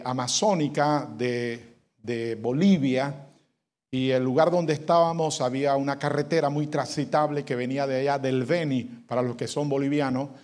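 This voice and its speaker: A man preaching a sermon as pastor, leading shouted call-and-response lines and then telling a story. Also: a little high.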